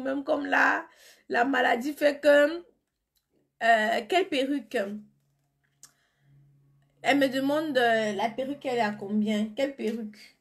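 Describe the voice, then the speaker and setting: A beauty seller, sick with a cold and flu, chats on a phone live stream in a high voice with vocal fry. She answers viewers' comments casually and turns blunt when she insists on something.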